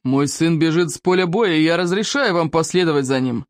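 A reader voicing a big, proud Viking chief who thunders slowly and commands. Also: medium pitch, no room sound, clean studio sound, natural voice. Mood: stern.

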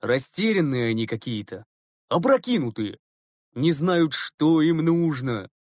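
A man's voice: on the high side, very animated, measured pace, darkish tone, no room sound, clean studio sound. A man voicing a good-natured, easygoing bus driver in an audiobook. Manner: easygoing, jovial. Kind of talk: audiobook character reading.

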